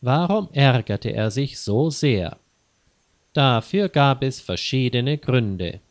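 A man narrating a scripted story slowly and carefully, clearly spaced, for language learners. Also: mid-range voice, expressive, no room sound.

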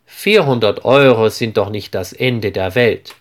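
A man voicing a kind middle-aged aunt in a storybook reading, speaking calmly and reassuringly, at an unhurried pace. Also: lowish voice, close to an everyday voice. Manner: calm, reassuring advice.

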